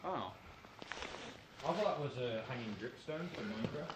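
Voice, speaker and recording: A man's voice: mid-range voice, expressive. A young man, bantering and joking offhandedly with a friend outdoors at an abandoned building. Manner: quick, jokey and offhand. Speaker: exploring companion. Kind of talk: casual banter. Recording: noisy outdoor phone recording.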